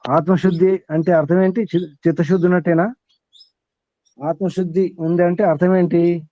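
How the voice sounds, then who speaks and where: A man's voice: high-pitched, little pitch movement, normal speed, no room sound. A man giving a spiritual teaching to listeners. He asks them questions, repeats key words, and chuckles now and then. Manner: chuckles between points. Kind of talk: question-and-answer spiritual discourse. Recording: slightly dull, dry recording.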